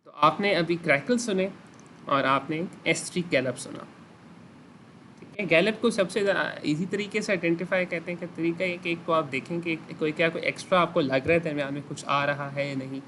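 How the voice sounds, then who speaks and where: A man with a slightly high voice teaches a clinical class over a video call. He explains step by step, checks answers with his students and slips English phrases into his sentences. A faint noise sits under the call. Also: normal speed, pushed and bright. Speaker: medical teacher. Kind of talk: online clinical lesson.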